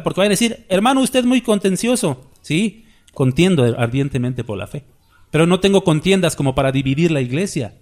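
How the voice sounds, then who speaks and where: A man's voice: on the high side, a little mellow. A man preaching a sermon, emphatic and full of rhetorical questions to the congregation.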